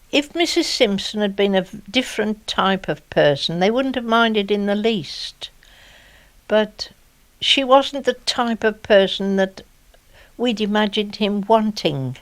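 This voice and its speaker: An older woman from the Birmingham area, recalling the past in an oral history interview in a chatty storytelling way. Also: medium pitch. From England, Birmingham area. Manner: chatty, warm storytelling with re-enacted dialogue.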